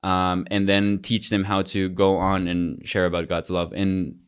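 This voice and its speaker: Young man, smooth low voice. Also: unhurried. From Costa Rica. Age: young adult. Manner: relaxed, easygoing, with frequent restarts. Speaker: podcast guest. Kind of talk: casual conversation.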